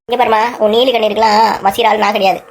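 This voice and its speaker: A woman's voice: medium pitch, flat delivery, fast, a little hiss or hum, natural voice. A woman voicing a stubborn, blunt older father who scolds his daughter in a cartoon story. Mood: scornful. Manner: blunt, scornful.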